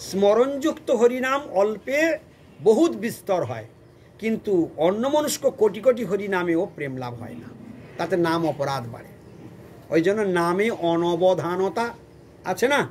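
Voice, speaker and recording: High-voiced man preaching a devotional sermon. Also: big pitch swings, normal speed, darkish tone, slight background noise. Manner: chants verses and quizzes listeners with questions.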